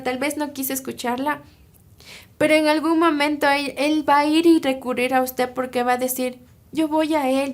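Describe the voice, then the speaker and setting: A woman from Ecuador preaching a live sermon, telling a parable and checking in with her listeners as she goes. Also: high voice. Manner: earnest, asks "¿sí?" often. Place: church streaming live.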